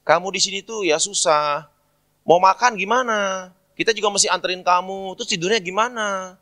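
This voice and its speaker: A man voicing a worried older brother who pleads with his crippled younger sibling to come home, in a higher, fussing voice. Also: normal speed, bright, forceful tone, no echo, clean studio sound. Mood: pleading.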